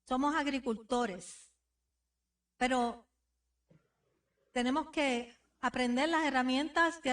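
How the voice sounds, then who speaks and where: High-voiced woman preaching a sermon. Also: a bit bright. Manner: exhorting, addresses the congregation directly with repeated phrases. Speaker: pastor. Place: church sanctuary. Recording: voice somewhat distant from the mic.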